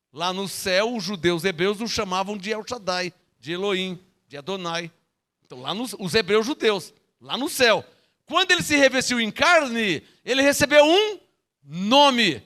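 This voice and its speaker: Brazilian male preacher, high bright voice, emphatic Bible teaching with rhetorical questions. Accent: Brazilian Portuguese. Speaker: pastor.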